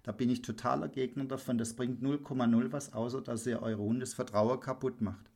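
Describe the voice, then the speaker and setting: A man working as a dog trainer, talking bluntly and emphatically in a casual podcast chat, acting out his clients in quick back-and-forth. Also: mid-range voice, steady tone, gravelly, darkish tone.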